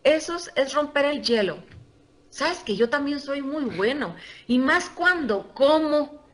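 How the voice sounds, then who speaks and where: A woman presenting a workshop, speaking lively and chatty to her audience and laughing often. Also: sits high, unhurried. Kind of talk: live seminar talk to a group.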